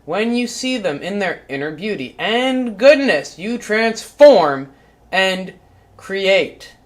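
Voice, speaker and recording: Speaking at medium pitch, a performer plays an irritable, foul-mouthed cat reading a spiritual book out loud, shifting between calm, measured reading and yelling, swearing outbursts.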